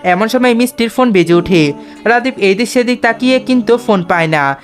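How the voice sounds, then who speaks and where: A woman narrating a scripted story in a steady, even reading voice. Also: on the high side, fairly quick. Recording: faint background music.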